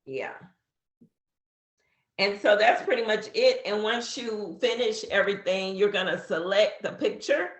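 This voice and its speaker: A woman's voice: medium pitch, unhurried, reverberant. A woman in her fifties casually walking a beginner through an app step by step, chatty with fillers. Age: 50s. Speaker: business coach teaching social media. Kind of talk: casual how-to walkthrough.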